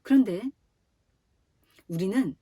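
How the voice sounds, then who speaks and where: A woman preaching a sermon to a youth group. She speaks straight to her listeners in a lively teaching tone. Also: medium pitch, takes it slowly, breathy edge, dry recording. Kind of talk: sermon to teenagers.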